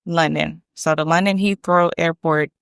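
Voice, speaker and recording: Woman talking travel tips in a vlog, lowish smooth voice, dry close sound. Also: steady tone, normal speed, dry recording. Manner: chatty, repeats points for emphasis. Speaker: travel vlogger. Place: hotel room.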